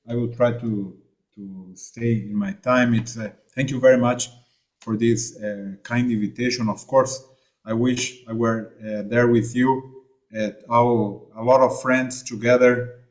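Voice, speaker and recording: A man originally from Argentina, giving a seminar talk remotely over a video call, with many fillers and restarts. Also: on the low side. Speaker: invited remote speaker.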